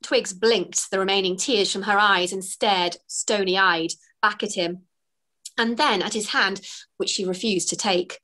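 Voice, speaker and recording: Over a webcam, an author narrates her own children's book in an expressive storytelling style from a home room with bookshelves indoors. She speaks unhurriedly in a mid-range voice.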